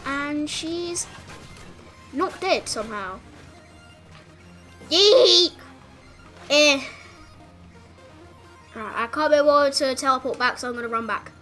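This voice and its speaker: A woman giving excited gameplay commentary as a gaming channel host, breaking into shouts and yelps at the action. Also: high voice, measured pace, pauses often, faint music behind.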